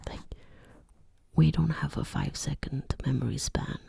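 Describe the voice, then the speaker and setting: An ASMR creator giving an opinionated ramble in a soft, breathy whisper, repeating words and phrases deliberately. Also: medium pitch, steady tone, no echo.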